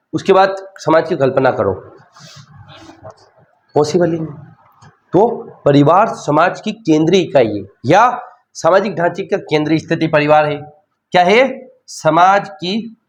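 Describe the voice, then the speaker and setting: In a classroom lecture, a man with a Hindi accent teaches sociology in a fairly high voice, with the highs cut off in the audio. He repeats key terms and poses questions that he then answers himself.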